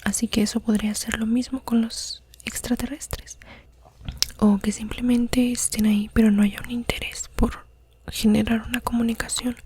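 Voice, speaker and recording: A woman whispers softly under her breath in an ASMR podcast style. Her delivery is even and mellow, with little movement in pitch. A faint noise sits behind her voice. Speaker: podcast host. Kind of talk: soft-spoken ASMR podcast monologue.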